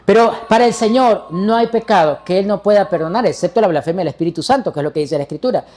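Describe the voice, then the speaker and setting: A man's voice: sits high, fast talker, darkish tone. A male pastor delivering a sermon, preaching emphatically and putting rhetorical questions to the congregation.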